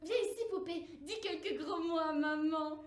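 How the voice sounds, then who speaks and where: A woman voicing a stubborn little girl with a high, drawn-out, whiny voice, on a roomy stage. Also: natural voice.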